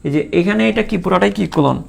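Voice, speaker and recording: A man's voice: high-pitched, brisk, creaky. A man teaching a biology lesson, repeating key terms and asking and answering his own questions. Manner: voices imagined student questions. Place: recorded for an online lecture.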